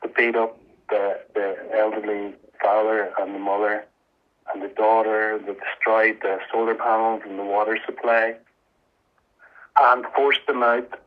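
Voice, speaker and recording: A man's voice: lowish voice, little pitch movement. Earnest man. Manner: earnest, halting, emotional. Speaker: interview guest, activist volunteer. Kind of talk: radio interview, personal account. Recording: muffled, band-limited radio interview sound.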